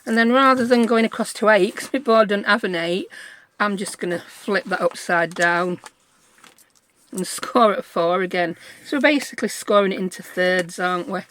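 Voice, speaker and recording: A woman's voice: mid-range voice, moderate pace, a bit bright, slight background noise. A British woman giving a casual step-by-step craft demonstration, chatting and thinking aloud as she checks in with listeners. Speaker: craft tutorial host.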